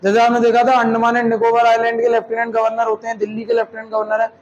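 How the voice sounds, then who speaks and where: High-voiced man teaching a lecture. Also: completely flat delivery, racing, highs cut off. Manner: explains step by step, asking students rhetorical questions; mixes Hindi with English terms. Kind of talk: classroom lecture.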